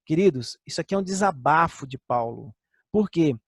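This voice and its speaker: An earnest older man preaching, his voice sitting high for a man. He sinks to quiet lows, then lifts into emphatic peaks. The sound is close and dry, with no room around it. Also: animated, moderate pace, no echo. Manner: earnest, drops to soft lows and rises to emphatic highs. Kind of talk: sermon with personal testimony.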